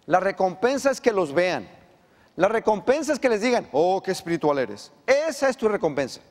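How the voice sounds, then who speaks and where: High-voiced preacher in a reverberant church. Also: male voice, moderate pace. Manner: animated preaching, voice climbs for emphasis. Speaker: pastor. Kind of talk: sermon. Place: church sanctuary.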